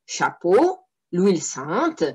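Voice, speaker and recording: A crafty old saint bluffs his way past devils with cheerful self-importance, as a woman reader voices him. His lines ride up into a lighter, lively tone. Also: lowish voice, very slow, breathy edge, exaggerated voice. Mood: pompous. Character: Saint Anthony, crafty confident old holy man.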